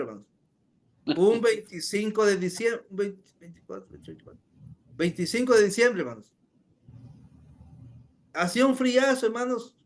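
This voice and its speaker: Man, high-pitched voice, evangelist's testimony, addresses listeners as brothers, frequent fillers. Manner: keeps calling listeners "hermanos", many "este" fillers. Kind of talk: storytelling testimony to a congregation.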